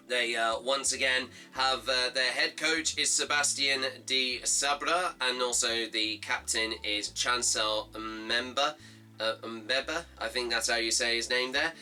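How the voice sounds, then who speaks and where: On a fan football show, a slightly hoarse male host reads scores and match facts slowly while previewing a game. His mid-range voice is bright, tense, and cutting, and he stops often, leaning on fillers as he follows his notes.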